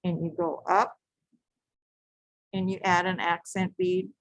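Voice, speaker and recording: A woman's voice: lowish voice, level tone, takes it slowly, no echo, low-quality recording. A woman teaching a beading stitch live, giving patient, repetitive step-by-step instructions and sometimes correcting herself. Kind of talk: step-by-step craft tutorial.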